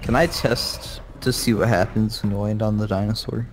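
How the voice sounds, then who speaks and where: A man's voice: fairly low pitch, fairly even intonation, moderate pace. A man chatting casually while gaming with friends, goofy and teasing, repeating words. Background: game music.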